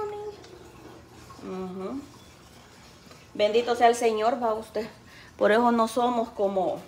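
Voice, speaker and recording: A woman, chatting in a folksy, teasing way while she cooks. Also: fairly high pitch. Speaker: cooking vlogger. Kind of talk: casual cooking chat. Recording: roomy, faint background noise.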